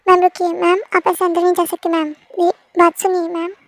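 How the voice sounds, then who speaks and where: A polite, firm receptionist from a homemade fan dub, voiced by a woman. She holds her ground courteously in a very high voice. It sounds like an amateur reading. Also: monotone, a little fast. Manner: polite, pleading.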